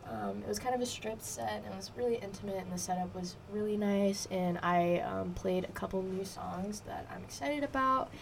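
A woman's voice: mid-range voice, moderate pace, vocal fry, hardly any pauses, slight background noise. A young adult woman musician chatting as a studio guest, giggly and rambling with many fillers. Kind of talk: casual interview chat. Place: college radio studio. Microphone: studio microphone.

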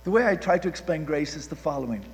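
A man with a fairly high voice delivers a sermon from the pulpit, swinging between loud emphasis and hushed asides and often restarting his words. His voice rings with a long reverb, as in a large hall. A faint mains hum sits underneath. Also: lively intonation, quick pace. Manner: frequent restarts and repeated words. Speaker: pastor.

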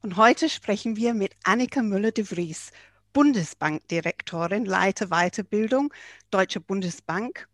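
A woman's voice: mid-range voice, lively intonation, measured pace, dry recording. An English woman co-hosting a podcast, introducing the guest and asking playful, teasing questions in German with an English accent. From England. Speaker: podcast co-host.

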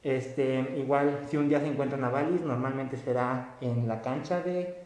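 A man's voice: medium pitch, fairly even intonation, normal speed, a little mellow. Young man, interviewer, rambling questions, roomy echo. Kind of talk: casual interview.

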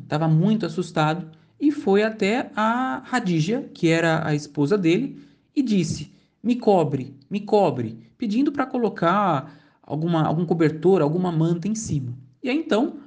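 A woman's voice: mid-range voice, a little mellow. A woman, casually telling a religious story and linking each part with the same repeated phrase.

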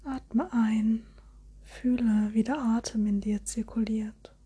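A woman guiding a relaxation hypnosis in a soft, soothing, airy spa whisper with gentle suggestions. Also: fairly high pitch, steady tone, slow, husky. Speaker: hypnosis guide.

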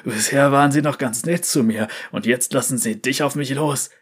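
A man's voice: medium pitch, normal speed, slightly rough, lightly acted. A man voicing a frightened male criminal informant who pleads and panics under threat. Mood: pleading. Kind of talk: dramatic story reading.

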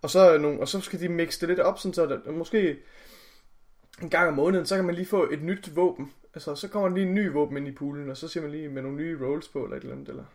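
Young male co-host, slightly high pitch, casual podcast chat. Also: fairly even intonation, a little mellow.

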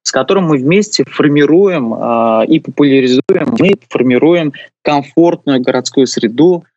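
A man in his late twenties, a guest on a radio show, speaking earnestly with many pauses and fillers. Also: medium pitch, darkish tone, no room sound, lo-fi sound. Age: 20s. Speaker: guest, youth official. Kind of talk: radio interview.

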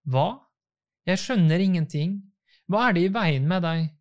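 A man's voice: high voice, natural voice. A man reading the part of an anxious, loving young bride in an audiobook.

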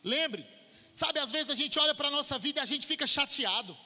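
Brazilian guy preaching, high sharp voice, big echoey church hall. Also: brisk. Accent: Brazilian Portuguese. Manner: emphatic and animated, acting out quotes in a raised voice. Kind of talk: sermon. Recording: long reverb of a church hall.

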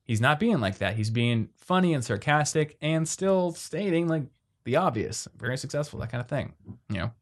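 A man co-hosting a podcast, chatting casually and quickly, reading listener questions aloud. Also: on the high side, expressive. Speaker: podcast co-host.

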